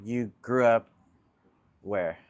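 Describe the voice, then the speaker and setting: A man's voice: medium pitch, very slow, clean tone. A man hosting a casual interview and asking short, direct questions. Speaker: podcast host.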